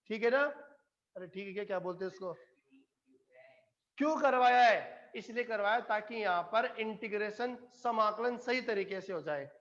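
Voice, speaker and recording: A man's voice: extremely high pitch, fairly bright tone, muffled recording. A man teaching chemistry to a live classroom, coaxing and often checking whether the students follow. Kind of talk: classroom lecture.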